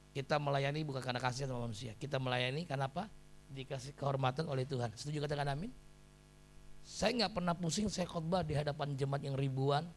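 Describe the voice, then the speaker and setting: A middle-aged male pastor preaching a sermon, dropping to quiet confiding tones and rising to loud shouted exhortation. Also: medium pitch, a little hiss or hum.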